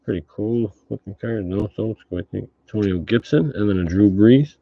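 Through a face mask, a man with a fairly low voice, vocal fry and a breathy edge speaks at a moderate pace. He gives laid-back, casual running commentary while hosting a sports card break at an indoor tabletop card-opening setup, swearing offhandedly. The dry recording is dull and muffled, with background noise.

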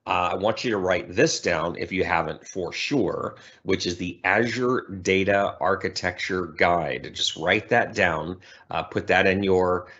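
Casting: middle-aged man, very low voice, relaxed explanatory keynote over a dull webcam mic. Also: a little slow. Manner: conversational, explanatory, with light humor. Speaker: keynote speaker. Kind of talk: conference keynote presentation.

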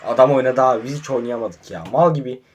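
A man commentating his own mobile football match, muttering in frustration and breaking into sudden excited outbursts, hot and sweating in a warm room. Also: medium pitch, fast, dull audio. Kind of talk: casual live gameplay commentary.

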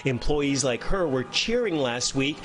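A middle-aged man reporting live for TV news from a room at home, with a measured, emphatic delivery. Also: medium pitch, very animated. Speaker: investigative reporter.

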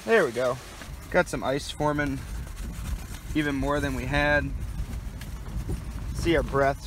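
A young man from Michigan vlogs his ice fishing from inside a small shanty, chatting and joking to a handheld action camera. His voice is on the high side and a bit bright, and the rough recording has a little hiss or hum.

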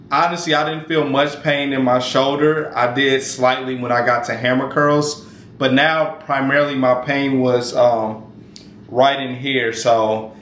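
A fitness vlogger in his thirties with a mid-range voice chats to camera about fitness from his home kitchen, relaxed and conversational with frequent fillers and restarts. A camera mic at arm's length picks him up in an echoey room with faint background noise.

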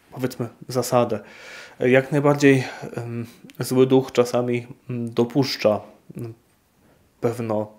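A priest's medium-pitched, slightly mellow voice is heard taking viewer questions off the cuff. He answers in a measured manner, often hesitating.

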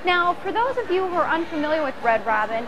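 High-voiced young woman TV host. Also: big pitch swings, fast, a crowd in the background, background noise. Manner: upbeat, scripted presenting. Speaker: TV show host. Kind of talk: presenting and interviewing. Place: restaurant dining room, indoors.

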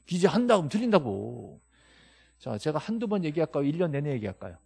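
Husky gravelly guy lecturing a class, teasing the students, lots of rhetorical questions. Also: on the high side, quick pace. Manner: animated, scolding and joking with students, rhetorical questions. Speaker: real estate law instructor.

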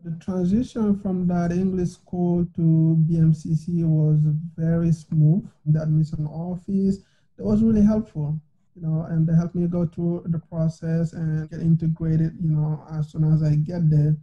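A young man from Senegal, French his first language, answers questions as a guest over a video call. His delivery is flat and relaxed, with many fillers. The audio is dull and lo-fi. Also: fairly high pitch, a little slow. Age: young adult. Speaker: former college soccer player, guest.

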